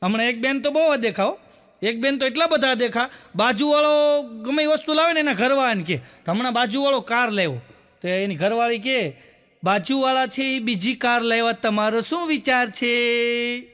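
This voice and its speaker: A man's voice: very high-pitched, normal speed, a bit bright, smooth. A man, telling one folksy joke after another. He acts out the characters' lines himself and keeps laughing along as he talks. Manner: laughs often while acting out characters' lines. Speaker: stand-up comedian telling jokes. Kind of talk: Gujarati folk joke storytelling.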